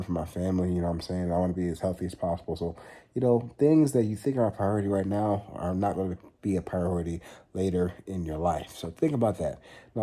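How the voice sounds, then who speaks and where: Young man vlogging: low, husky, mellow delivery, earnest and a bit repetitive, casual swearing. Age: 20s. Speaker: fitness vlogger. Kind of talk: casual vlog talk to camera.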